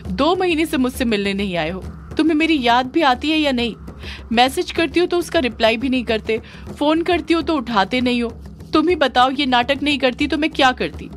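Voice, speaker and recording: A woman's voice: on the high side, normal speed, soft background music, close to an everyday voice. A woman voicing a stubborn, lovesick young woman who pouts and pleads with the man she loves. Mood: accusing. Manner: pleading, pouting.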